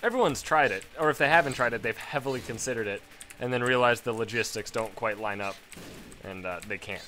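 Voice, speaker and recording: A man's voice: medium pitch, fairly quick, pushed and bright, a little hiss or hum. A man doing casual, crude gameplay commentary, rambling between topics, his voice strained and failing.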